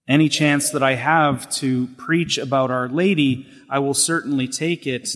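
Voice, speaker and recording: Male clergyman for homily, unhurried and measured, voice ringing through a reverberant church like cathedral echo. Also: mid-range voice, a bit bright. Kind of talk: scripture reading and homily. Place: large echoing church.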